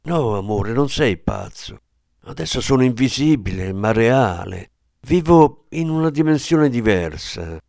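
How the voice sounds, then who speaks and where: A man's voice: mid-range voice, lively intonation, measured pace, vocal fry, darkish tone, dry recording, studio quality. A man voicing Elenia, a pleading female ghost. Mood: tender. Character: ghost of a young woman, tender and pleading.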